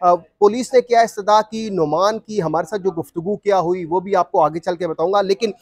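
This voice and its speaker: A news reporter, a man with a notably high voice, puts pointed, leading questions to his guest. The sound is dry and close to the mic. He talks in the steady way of field reporting. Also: fairly quick, no room sound.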